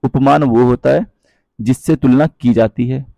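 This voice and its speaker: A man teaching a Hindi grammar lesson, explaining patiently, checking in with his viewers often and reciting verse lines slowly. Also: mid-range voice, fairly even intonation, gravelly, dark tone, no room sound. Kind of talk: online exam-prep lesson.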